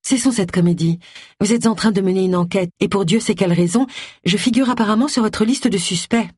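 A woman voicing a glamorous, flirty soap actress with a husky, bright, teasing voice. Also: medium pitch, a little fast, no echo, studio quality, voice pushed up, close to an everyday voice. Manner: bright, playful and mocking.

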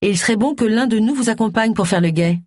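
A woman's voice: fairly high pitch, fast talker, darkish tone, no room sound, studio quality, pitched above the performer's own voice, natural voice. A woman voicing a bossy, impatient middle-aged woman detective who talks bluntly and insistently. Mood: brisk.

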